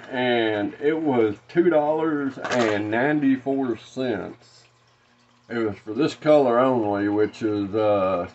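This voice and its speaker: This Arkansas fishing channel host, a Southern-accented man in his thirties, has a mid-range voice, and the audio loses its highs and carries a little background noise. He unboxes lures in a cramped tackle room, talking loosely with plenty of "uh"s and false starts.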